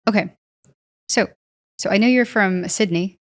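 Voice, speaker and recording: A woman hosting an interview, chatty and quick to laugh in casual conversation. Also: mid-range voice. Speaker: podcast host.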